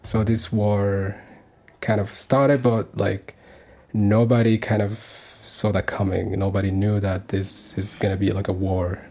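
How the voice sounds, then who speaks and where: A man's voice: fairly low pitch, flat delivery, measured pace, warm tone. A man in his thirties from Sudan, speaking as a guest on a community radio interview, earnest and hesitant with many fillers and restarts. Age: 30s.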